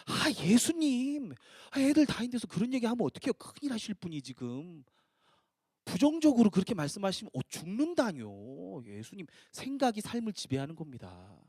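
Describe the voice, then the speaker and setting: A man's voice: fairly high pitch, sing-song, darkish tone, no room sound, clean studio sound. A male pastor voicing a brash, impulsive male disciple who scolds and wheedles without thinking first. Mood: pushy scolding. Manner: wheedling, scolding, talking fast without filter.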